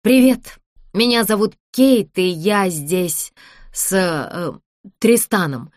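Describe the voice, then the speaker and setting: A woman's voice: medium pitch, slow pace, a little mellow, dry recording, studio quality, voice pushed up, lightly acted. A woman reading an earnest coaxing young woman. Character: brave young woman, tense but kind.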